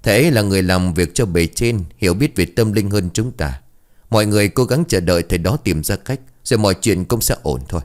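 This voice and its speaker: A man doing a calm, reassuring elderly villager. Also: fairly low pitch, fast talker, natural voice.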